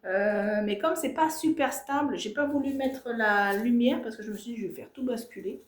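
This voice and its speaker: A woman's voice: a little high, moderate pace. Chatty woman in an echoey room. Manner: chatty, self-mocking, many fillers and asides. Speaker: cross-stitch vlogger. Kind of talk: casual show-and-tell vlog. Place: home, filming herself on a tripod. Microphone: tablet or camera on a tripod.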